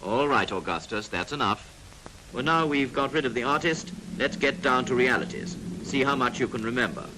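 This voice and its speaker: A mid-range, sharp-toned voice at normal speed belongs to a British man narrating a 1940s military training film. He stays clipped and instructive while dropping in drily jocular asides, all on a noisy 1940s soundtrack.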